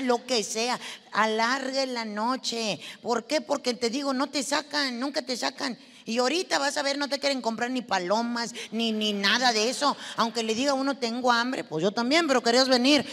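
Someone doing a loud sassy mexican lady comic, high voice, mexican spanish accent, swears a lot, live hall echo. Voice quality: loud, sassy, swears often, asks the audience questions. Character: brash, foul-mouthed Mexican woman comic persona. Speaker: stand-up comic. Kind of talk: stand-up comedy monologue. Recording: live hall reverb with faint noise.

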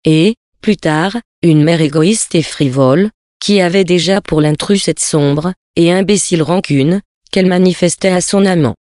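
Here a man's slightly high, darkish voice carries a French novel audiobook, read with literary restraint and small vocal changes for the characters. The sound is clean studio audio with no echo.

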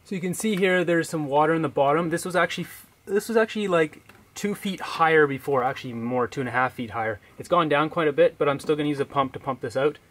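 A young adult man vlogs a home repair from a house basement and an outdoor stairwell, holding the camera at arm's length. He talks casually and quickly in a slightly high voice, full of fillers and restarts.

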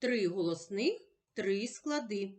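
A woman teacher giving a slow, careful special-education lesson, patiently sounding out words one at a time. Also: medium pitch, expressive, darkish tone.

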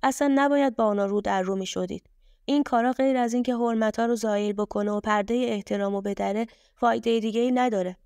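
A woman's voice: a little high, steady tone, darkish tone, smooth, dry recording, natural voice. A woman voicing a stern older uncle who scolds and lectures in a story reading. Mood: scolding. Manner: scolding, preachy.

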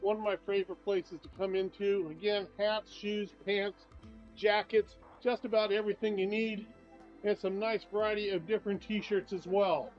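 Filmed on a handheld camera as he walks, an older man who works as a travel vlogger and tour guide leads a relaxed, cheerful tour of shops in a small town, going in and out of buildings. His high-pitched voice keeps a level tone at normal speed. The sound is a bit dull, with faint background music.

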